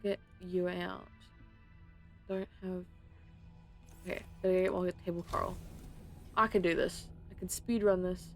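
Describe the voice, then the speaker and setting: Gravelly-voiced woman streamer muttering while playing. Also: lowish voice, little pitch movement, unhurried, long pauses, soft background music. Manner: talks to herself, frustrated, swears a lot. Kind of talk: casual gaming commentary.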